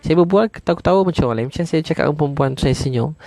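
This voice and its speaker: Gravelly Malaysian Malay preacher, dry sound. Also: male voice, on the high side, dark tone, no echo. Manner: repeats each point, many "ha" fillers; chants Arabic prayers slowly. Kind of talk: sermon.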